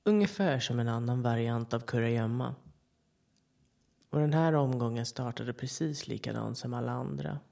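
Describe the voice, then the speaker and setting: Gravelly, measured horror storyteller. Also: medium pitch. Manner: calm, measured storytelling with short quoted voices. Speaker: podcast storyteller. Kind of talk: scripted horror narration.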